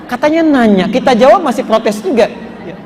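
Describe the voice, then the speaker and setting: A man's voice: very high voice, animated, moderate pace, long reverb tail, some chatter behind, slight background noise. A man giving an Islamic sermon to a live audience, telling a family story with acted quotes and putting questions to his listeners. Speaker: Islamic preacher.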